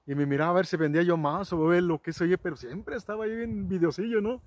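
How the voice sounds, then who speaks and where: Brief: rambling storyteller, high voice, dry close sound. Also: male voice, fast, no room sound. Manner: rambling, folksy, many restarts and asides to viewers. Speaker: vlogger telling ranch stories. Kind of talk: casual storytelling to camera.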